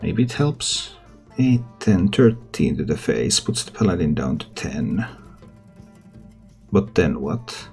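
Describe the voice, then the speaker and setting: Male gaming host, low and creaky, very varied intonation, casual think-aloud play commentary. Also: big pitch swings, takes it slowly, long pauses, a little mellow. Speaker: gaming content creator and host. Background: background music.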